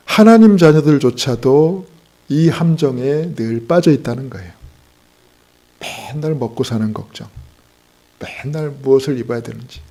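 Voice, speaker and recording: A man preaching a Sunday morning sermon in a gravelly, fry-edged voice at a middle pitch. He puts rhetorical questions to his congregation and slips in joking stories along the way. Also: dark tone. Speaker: pastor.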